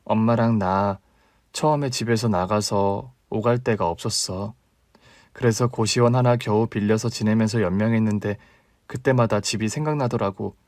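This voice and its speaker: A man voicing a caring older sister in a radio drama reading, calm and consoling in a low, quiet tone. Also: normal speed, no room sound, studio quality, close to an everyday voice. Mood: somber. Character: young woman, steady caring older sister.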